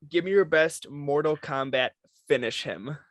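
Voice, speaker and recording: A man's voice: fairly high pitch, unhurried, a bit bright, no room sound. A man co-hosting a casual podcast, leading the segment in an easygoing, chuckling way. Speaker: podcast co-host. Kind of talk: casual chat.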